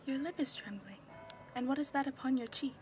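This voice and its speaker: An actress playing a serene, commanding female Christmas spirit in an audio drama, measured and solemn. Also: high-pitched, a little mellow, faint music behind, natural voice. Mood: gently solemn.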